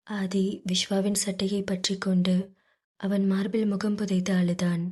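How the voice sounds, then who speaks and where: A woman narrating a dramatic story in a low, hushed voice.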